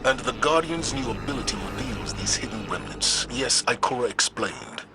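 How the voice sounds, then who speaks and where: A man's voice: mid-range voice, lively intonation, moderate pace, music in the background, lightly acted. Stern, wary military commander acted by a man. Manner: serious, authoritative. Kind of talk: video game character acting. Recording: loud noise over game dialogue.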